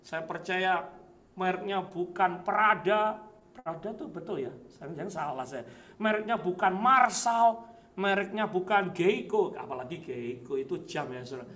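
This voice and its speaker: A male pastor with a Surabaya Indonesian accent, preaching a lively sermon in a church and shouting dramatic quotes. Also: sits high, a little slow. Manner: mixes English words into speech.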